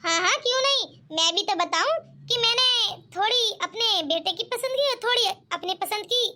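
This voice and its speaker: A woman's voice: very high-pitched, bright, forceful tone. A woman voicing a bossy, proud middle-aged mother-in-law in a cartoon, speaking in a commanding and boastful way. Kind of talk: cartoon voice acting.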